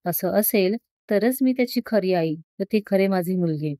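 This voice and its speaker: A woman's voice: mid-range voice, expressive, a little slow, warm tone, no echo, studio quality, lightly acted. Woman reading as a strict, loving village mother. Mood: tearful pleading.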